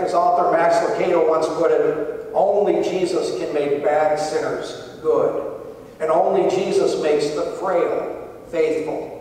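A middle-aged pastor preaches a sermon at the pulpit of a large church sanctuary, earnest and emphatic, his intensity rising and falling. His voice is fairly high-pitched with a darkish tone, picked up by a far camera and pulpit mic so the hall sounds echoey and distant.

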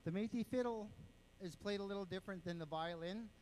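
Male event announcer, fairly high voice, patient step-by-step explainer, faint noise behind. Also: brisk, a little mellow, low-quality recording. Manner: patient, step-by-step, counts out rhythms. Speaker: dance group spokesman and announcer. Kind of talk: explaining dances to an event crowd. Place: indoor powwow event.

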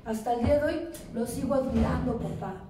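A woman's voice: high-pitched, fairly quick. A woman in her thirties with a Mexican accent, giving a blunt, preachy testimony full of swearing at a recovery group meeting. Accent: Mexican Spanish. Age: 30s. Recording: echoey room, voice far from mic, noisy.

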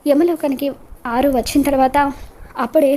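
A woman narrating the recap of a serial episode in a steady, scripted storytelling style. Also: high voice, moderate pace.

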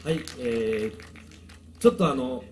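A man's voice: medium pitch, unhurried, background noise. Polite joking man at a live show. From Japan. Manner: polite, joking, laughs between phrases. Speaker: band vocalist introducing members. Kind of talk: casual stage MC at a live show. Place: outdoor park stage. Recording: live outdoor recording with guitar behind.

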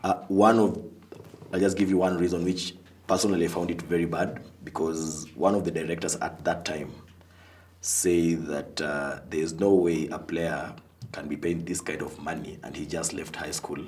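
A man's voice: low-pitched, flat delivery, moderate pace, darkish tone. A man, a former athlete speaking outspokenly and with indignation in an interview. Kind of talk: candid interview account.

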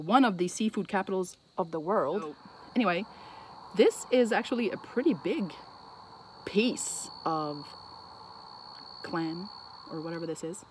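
Standing on a bridge above the water, a woman from Acadian Canada chats for her outdoor vlog, musing out loud and interrupting her own thoughts. She has a lowish voice with a darkish tone. The phone propped on the bridge picks up traffic and insects in a noisy recording.

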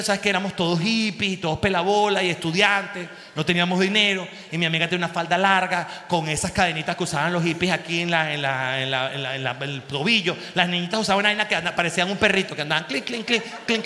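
A Venezuelan comedian in his forties spins a stand-up story in an animated way, full of crude slang and sound effects. His voice sits high and bright. The sound carries long reverb from a large hall. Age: 40s. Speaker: comedian host. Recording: echoey hall.

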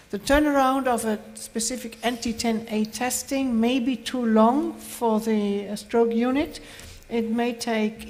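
A woman answering on a medical conference panel, explaining in a measured, methodical way in a large hall. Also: on the high side, darkish tone. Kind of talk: panel discussion. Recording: long hall reverb.

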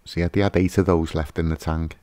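A man's voice: deep voice, flat delivery, a little fast, mellow, no room sound. A man hosting a fishkeeping channel, giving a casual, hesitant voice-over with lots of fillers and restarts.

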